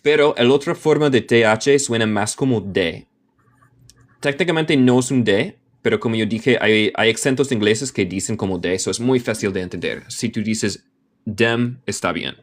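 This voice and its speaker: A man from Michigan, speaking Spanish as a second language with an American accent, patiently reading a story and explaining words in a slow bilingual lesson. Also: on the low side. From Michigan, United States. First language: English. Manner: patient, explains words aloud, thinks out loud. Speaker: language teacher.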